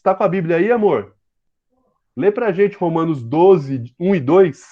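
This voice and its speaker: A man teaching a Bible class in a calm, explanatory way. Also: high voice, measured pace, lo-fi sound.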